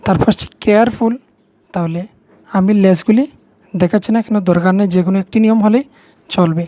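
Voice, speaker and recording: A woman's voice: mid-range voice, fairly quick, dark tone, dry recording. A woman with a Bengali accent, patiently explaining English grammar to students step by step, repeating key words. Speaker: teacher.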